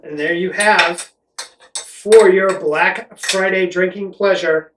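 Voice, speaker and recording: Talking slowly in a high, steady and fairly bright voice, a middle-aged Connecticut man from the United States rambles through a casual explainer for his vlog camera. A distant mic picks up roomy echo and a little hiss or hum.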